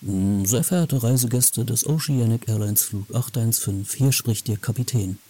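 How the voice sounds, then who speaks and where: A man's voice: medium pitch, moderate pace, background noise, natural voice. A man doing a mock-solemn airline captain. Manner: formal, mock-solemn announcement tone. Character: male airline captain making a calm cabin announcement.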